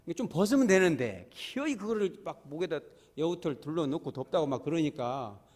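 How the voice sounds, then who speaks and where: Lively male pastor in reverberant church. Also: fairly high pitch, brisk. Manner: humorous, colloquial storytelling. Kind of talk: sermon. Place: church sanctuary. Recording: long reverb of a church hall.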